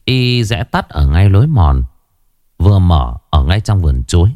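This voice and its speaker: A man narrating a crime story in an expressive storytelling manner. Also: sits low, normal speed, no room sound. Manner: expressive, animated delivery.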